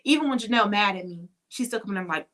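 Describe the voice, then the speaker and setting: A woman's voice: mid-range voice, rapid-fire. A woman in her thirties, co-hosting a podcast in a casual chat, telling stories and laughing often. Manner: lively, storytelling, laughs often. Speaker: podcast co-host.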